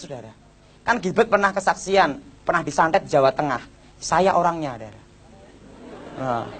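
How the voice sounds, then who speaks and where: A man with a Javanese accent giving an animated church testimony, repeatedly addressing his listeners and acting out the people in his story. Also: sits high. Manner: keeps addressing the audience as brothers and sisters; acts out dialogue with lively voice swings.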